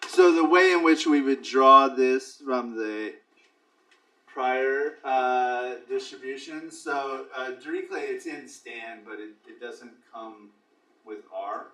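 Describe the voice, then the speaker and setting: Man, lecturer, classroom lecture, mid pitch, roomy echo, distant mic. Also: takes it slowly, bright, forceful tone. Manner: explains step by step, dry asides. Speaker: statistics lecturer. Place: lecture hall. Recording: echoey classroom recorded from afar.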